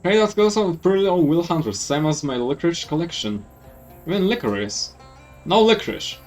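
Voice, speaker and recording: A cheeky, stubborn young country boy from a video game drawls and boasts, his voice pitched high and bouncing all over the place, as a man puts him on. Soft music plays faintly underneath. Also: expressive, normal speed, far from the mic, close to an everyday voice.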